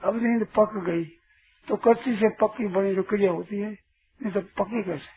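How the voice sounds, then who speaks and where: A man's voice: high voice, steady tone, normal speed, dark tone. A man giving a spiritual discourse to an audience as a teacher, asking rhetorical questions and sternly correcting a questioner. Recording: tinny lo-fi recording with faint hiss.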